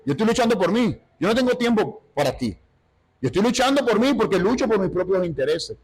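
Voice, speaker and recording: A man's voice: high-pitched, very animated, darkish tone, slightly rough, pitched above the performer's own voice, exaggerated voice, rough recording. A man voicing a busy, self-centered man who hurriedly brushes off God. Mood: dismissive. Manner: hurried, dismissive.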